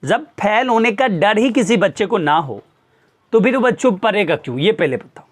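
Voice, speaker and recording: A man's voice: sits high, animated, moderate pace. A man, a teacher, earnestly lecturing his students with pointed rhetorical questions. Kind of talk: motivational talk to students.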